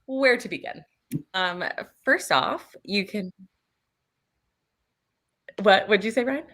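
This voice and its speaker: A raspy, hoarse woman travel advisor giving a casual online presentation over a video call, chatty and full of fillers. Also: mid-range voice, slow pace, fairly bright tone.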